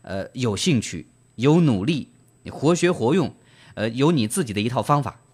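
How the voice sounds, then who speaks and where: A man with a medium-pitched, animated voice and a breathy edge hosts a book club at a normal speed, reading, explaining and retelling. He speaks broadcast-trained standard Mandarin as a gentle storyteller, using frequent fillers and putting rhetorical questions to listeners.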